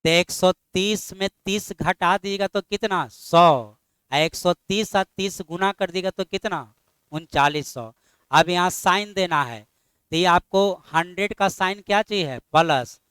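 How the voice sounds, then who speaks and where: A middle-aged man teaching a math class, firing constant questions at his students and scolding them mildly when they are slow. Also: sits high, fairly bright tone, clear, resonant tone, dry recording.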